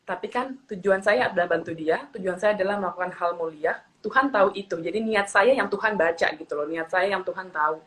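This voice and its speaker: A woman's voice: mid-range voice, quick pace, few pauses, a bit bright, rough recording. Earnest young woman from eastern Indonesia. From Papua, eastern Indonesia. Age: young adult. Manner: earnest, repeats phrases while telling stories. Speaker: guest. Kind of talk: casual interview storytelling.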